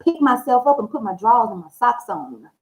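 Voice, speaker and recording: An American woman who hosts a tarot reading channel talks candidly to her viewers in emphatic, salty slang, acting out dialogue as she tells personal stories. Her high voice is very animated and brisk, caught on a low-quality recording.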